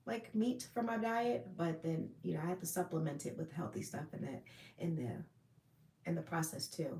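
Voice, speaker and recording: Woman live-chatting with viewers, gravelly low-ish voice, echoey room, rambles a bit. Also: a little mellow. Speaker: livestream host. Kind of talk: casual live chat answering viewers.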